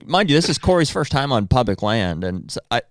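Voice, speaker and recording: A man's voice: mid-range voice, very animated, a little fast. A man guest on a podcast, a hunting guide telling a rambling anecdote in casual chat, acting out what people said. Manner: rambling anecdote with acted-out quotes. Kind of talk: casual storytelling.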